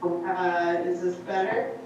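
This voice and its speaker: Woman councillor, hesitant, on a glitchy call that breaks up; low-ish voice, muffled line. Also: level tone. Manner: hesitant, halting restarts. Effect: choppy, glitchy call audio cutting out. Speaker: council member. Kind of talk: remarks in a remote council meeting. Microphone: video call. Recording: muffled, echoey, noisy call from far off mic.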